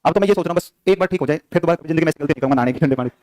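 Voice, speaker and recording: A man's voice: fairly high pitch, a little mellow, no room sound, clean studio sound. A young man teaching an exam-prep geography class with a sore throat, drilling facts through repeated quiz questions. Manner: rapid, repetitive drilling with quiz questions to students.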